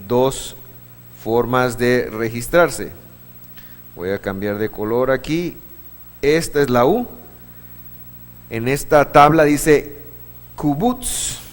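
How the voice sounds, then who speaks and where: A man teaching a church class, patient, asking the room questions, with many halting restarts. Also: mid-range voice. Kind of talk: classroom lesson on Hebrew vowels. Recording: long hall reverb.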